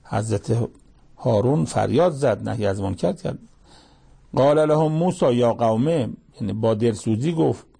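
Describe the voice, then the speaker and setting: A male preacher with a gravelly, husky voice delivers a sermon in a mellow, dark tone. He breaks into recited Arabic verses and drives his points home with pointed rhetorical questions. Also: mid-range voice, animated.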